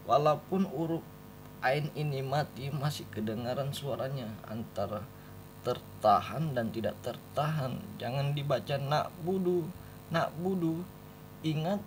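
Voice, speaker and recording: A man teaching Quran recitation in a slow tajwid lesson, patiently repeating syllables for the learner. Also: a little high, a little hiss or hum, poor audio. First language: Indonesian.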